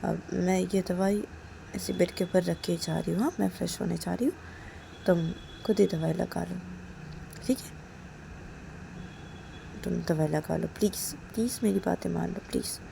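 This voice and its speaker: A woman's voice: lowish voice, steady tone, normal speed, gravelly, pauses often, mellow, slight background noise. A woman voicing a caring young woman who pleads and coaxes her partner over and over. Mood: pleading coaxing. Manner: pleading, coaxing, repeating "please".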